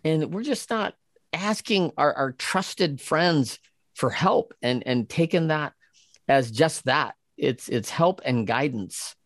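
Brief: upbeat male co-host, slightly higher voice, dry close sound, lively anecdotes. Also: slow, no room sound. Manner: animated storyteller, acts out quoted voices, laughs often. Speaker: podcast co-host. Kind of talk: casual conversational chat.

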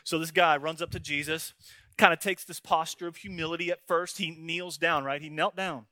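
A man preaches in a bright, forceful, slightly high voice. He tells folksy stories and keeps checking in with his listeners. The sound is close and dry, with no room echo. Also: fairly even intonation, normal speed. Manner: folksy storytelling, tags lines with "right?" and "man". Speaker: pastor. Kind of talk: sermon.

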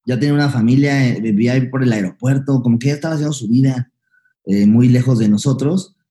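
A young man with a Mexican accent telling his life story as a podcast guest, slangy and lively, acting out old conversations. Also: medium pitch. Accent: Mexican Spanish. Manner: fast, slangy, acts out past dialogue. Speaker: guest, comedian. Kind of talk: candid storytelling interview.

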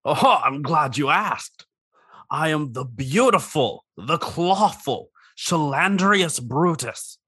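Tabletop game creature: man playing a vain, lonely giant crab, coy and grandly theatrical, very animated pitch, dry close sound. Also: slow, husky, no echo, exaggerated voice. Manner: theatrical, coy, self-flattering. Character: huge vain lonely one-eyed crab warrior, campy and wistful.

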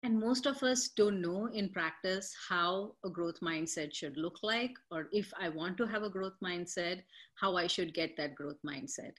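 A woman's voice: fairly low pitch, a little slow, a bit bright. A woman hosting an interview podcast, chatting in a conversational way and often saying "you know". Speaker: host.

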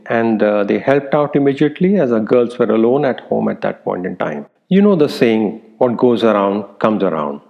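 Middle-aged male podcast host, gravelly mid-pitched voice, reflective storyteller, lots of fillers. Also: muffled recording. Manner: reflective, unhurried, with frequent "uh" and "you know". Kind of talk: personal storytelling monologue. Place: Abuja, Nigeria.

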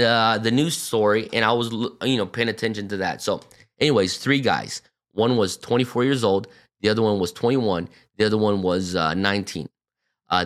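A man's voice: fairly low pitch, a bit bright. Earnest man with a Brazilian background. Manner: earnest, with frequent fillers and restarts. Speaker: podcast guest speaker, pastor. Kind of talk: reflective personal testimony.

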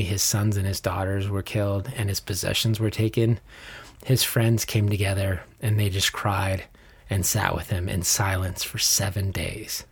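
A man's voice: lowish voice, slightly rough. American man hosting a conversational podcast. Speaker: podcast co-host.

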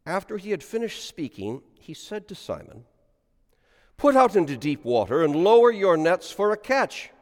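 A middle-aged man, a priest, reading the gospel and preaching a homily with a lively delivery that rises on quoted lines, heard in a large church with a long cathedral echo. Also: high voice, moderate pace. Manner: lively sing-song delivery, rising on quotes.

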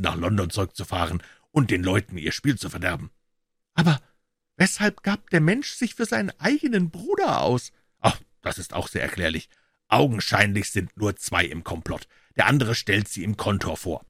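A man voicing a confident, impatient male detective explaining his reasoning briskly. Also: deep voice, fairly bright tone, breathy edge, dry recording, studio quality, heavily acted.

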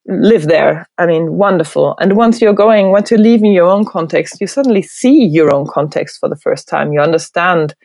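A middle-aged German woman with a German accent, a design professor speaking as an interview guest, animated and thoughtful, laughing often. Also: on the low side, normal speed, vocal fry, hardly any pauses, dry recording. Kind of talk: reflective conversational interview.

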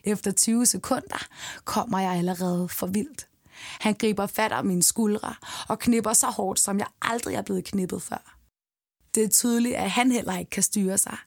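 A woman's voice: mid-range voice, steady tone, creaky, a little mellow, no room sound, studio quality. A woman narrating a scripted first-person erotic audio story in an intimate manner, sometimes dropping to a whisper.

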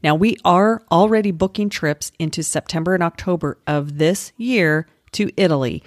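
Low-voiced female travel podcast host. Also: normal speed, no echo, clean studio sound. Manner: upbeat, laughs easily. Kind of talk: casual podcast chat.

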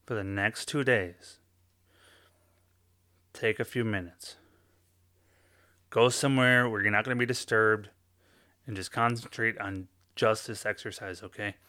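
A man giving a slow guided self-help talk, coaching listeners step by step and often checking in with "okay?". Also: lowish voice, fairly even intonation, pushed and bright, dry recording, studio quality.

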